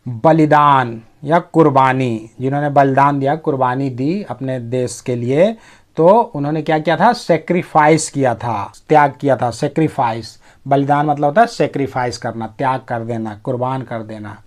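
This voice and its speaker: A man from India, teaching English vocabulary as a teacher. He asks and answers his own quiz questions and draws out key words. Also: medium pitch. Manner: drawn-out stress on key words. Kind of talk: vocabulary lesson.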